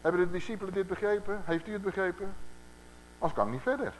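A man preaching a conversational Bible-teaching sermon to a gathered congregation, animated and full of rhetorical questions to his listeners. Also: high voice, quick pace, slight background noise, low-quality recording.

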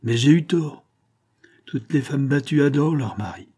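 A man voicing a bitter, sardonic ruined glassmaker in an audiobook reading, speaking with acid mockery and heated bursts, a little above his usual pitch. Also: normal speed, dark tone, husky, lightly acted. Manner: acerbe, mocking, with heated bursts.

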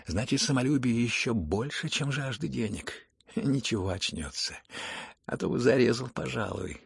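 A man voicing a proud, reckless young woman who commands a room with loud, scornful outbursts, in an audiobook. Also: medium pitch, gravelly, husky, dry recording, studio quality. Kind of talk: audiobook character reading.

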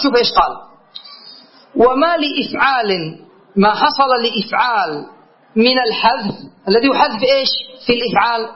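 A man teaching a grammar lesson, asking his students questions and repeating key words. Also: very high-pitched. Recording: dull lo-fi lecture recording.

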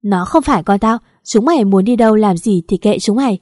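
A woman voicing a furious, bedridden old father who shouts harshly at his daughter in an audio story, in a mellow, dry voice. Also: mid-range voice, brisk, no echo, close to an everyday voice.

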